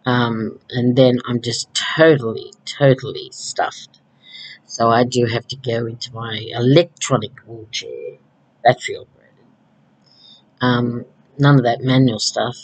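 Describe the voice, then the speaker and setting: A woman's voice: very deep voice, steady tone, unhurried, husky, rough recording. A woman in her early sixties chatting casually to a webcam at home, rambling with frequent ums. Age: 60s. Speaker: vlogger. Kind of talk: casual chat to camera. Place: small home room indoors. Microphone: laptop webcam.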